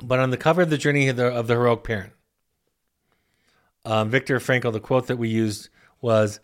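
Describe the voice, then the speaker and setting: An earnest man who works as a therapist answers listener questions on a broadcast. His voice sits at an ordinary middle pitch. He often stumbles over and repeats his words, then slows right down to stress a point. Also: steady tone.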